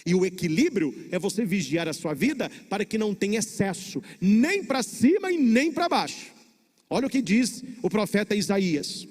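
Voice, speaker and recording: Brazilian priest giving a sermon, highish voice, lots of pauses and repeats, long church echo. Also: male voice, darkish tone. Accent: Brazilian Portuguese. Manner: preaching with dramatic pauses and repetition.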